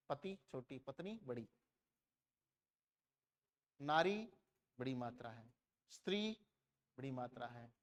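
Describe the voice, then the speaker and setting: A man teaching a grammar lesson in a classroom, asking questions and answering them himself, and repeating words to compare how they sound. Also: mid-range voice. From India. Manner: repeats words to contrast vowel lengths.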